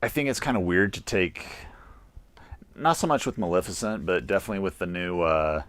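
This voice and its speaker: A man chatting and joking as co-host while playing a horror game, quick to nervous laughter. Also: sits low, a bit bright, no room sound. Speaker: co-host of a horror gaming show.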